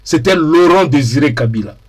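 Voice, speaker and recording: A man speaking in a deliberate, emphatic way and repeating key phrases for weight, as a TV political commentator. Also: a little high, lively intonation. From DR Congo.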